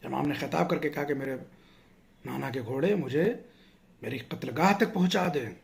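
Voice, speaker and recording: A man's voice: a little high, gravelly. A male preacher giving a sermon, telling a martyrdom story in a mournful, chanting way that swells and falls.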